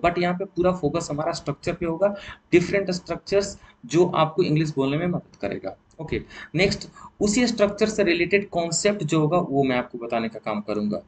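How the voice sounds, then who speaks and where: A man's voice: fairly high pitch, slight background noise, poor audio. A man with an Indian accent teaching a spoken English course in a lesson, explaining step by step, switching between Hindi and English and repeating key points.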